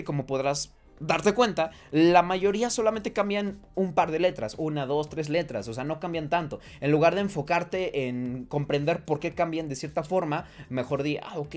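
A man giving a casual online English lesson, talking straight to the viewer, often checking "¿ok?" and correcting himself as he goes. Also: on the high side. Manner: thinks aloud with fillers and self-corrections. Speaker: English teacher.

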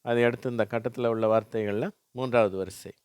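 A man's voice: medium pitch, fairly even intonation, darkish tone, clear, resonant tone, no echo, clean studio sound. A man teaching English phonics, reading single words aloud for learners to repeat. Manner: slow, drilling words with a pause after each.

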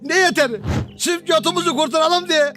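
A man's voice: extremely high pitch, a little fast, bright, forceful tone, soft background music. An actor playing a fed-up, guilt-ridden man in a comedy film, lamenting emphatically. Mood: remorseful, fed up.

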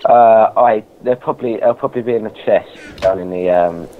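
A man's voice: fairly low pitch, brisk, slight background noise. A man giving casual gameplay commentary, explaining things hesitantly in pieces over a voice chat. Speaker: gamer, co-host. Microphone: online voice call. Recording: dull lo-fi voice chat.

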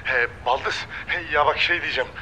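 An actor playing a blustering restaurant owner who mangles English, loud and boastful. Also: male voice, fairly high pitch, moderate pace, a little hiss or hum. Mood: pleading. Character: boastful middle-aged kebab shop owner man. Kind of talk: sitcom acting.

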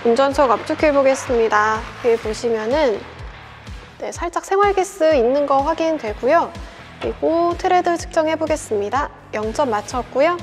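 A young woman giving a methodical, polite scripted car walkaround as a sales presenter, over background music. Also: sits high. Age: young adult. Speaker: used car dealership presenter. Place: large indoor car showroom, car interior and garage.

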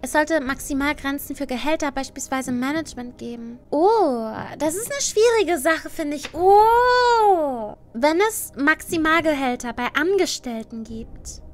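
A woman chatting casually on a livestream with a cute, animated anime-streamer delivery, switching between reading aloud and giving her own take. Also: high-pitched, moderate pace, hardly any pauses. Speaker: livestreamer, VTuber host. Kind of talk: casual livestream chat, reading out and answering quiz questions.

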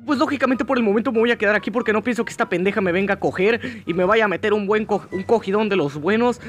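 A young man with a Mexican Spanish accent chatters and swears his way through a horror game let's play. His voice sits high for a man, and he keeps breaking into panicked, profane yelling. Faint game music plays underneath. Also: fast. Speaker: gaming YouTuber.

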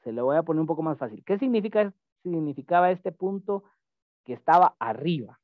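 A man's voice: fairly high pitch, animated, brisk, dry recording. Man teaching over a tinny call. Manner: patient, explanatory, asks checking questions. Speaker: Greek teacher. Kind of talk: online lesson. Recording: tinny phone-like call audio.

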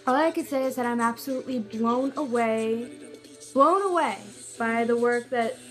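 Excitable high-voiced woman reacting. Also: normal speed. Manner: excitable, chatty, full of fillers. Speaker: reaction video host. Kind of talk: casual reaction commentary. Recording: music video playing loudly behind. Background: loud music.

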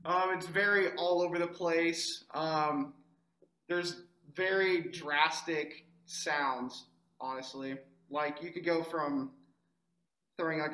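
Bright-voiced hesitant male student, echoey room. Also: on the high side. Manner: hesitant, with many "um"s. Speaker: music student. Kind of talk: answering a teacher in class.

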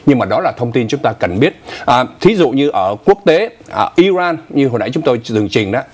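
An older man co-hosts a casual morning news program, his pitch swinging lively up and down as he explains. He talks in a chatty, conversational way, stopping for asides, and his voice comes through clean on a lapel mic in a TV studio. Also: a little fast. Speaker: news show co-host.

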